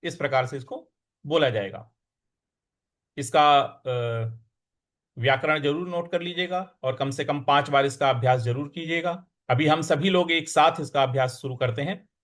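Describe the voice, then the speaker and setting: A man's voice: fairly high pitch, fairly bright tone. A man teaching verse pronunciation, breaking words into syllables and chanting the lines in a sung tone. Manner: slow, syllable-by-syllable pronunciation drills. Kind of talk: Sanskrit recitation lesson.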